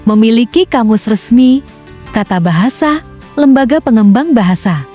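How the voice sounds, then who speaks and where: A woman host reading a scripted news commentary in a smooth, even manner. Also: fairly high pitch, moderate pace, faint music behind.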